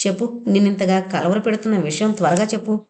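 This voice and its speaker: A woman voicing a loyal older male friend who talks in a brisk, reassuring, familiar way. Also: mid-range voice, dark tone, natural voice. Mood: concerned.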